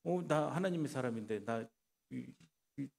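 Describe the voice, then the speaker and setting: A man voicing an older male prophet who coaxes a traveler to come and eat with him and later scolds him sternly. He speaks low. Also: animated, normal speed, gravelly, a little mellow. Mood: coaxing.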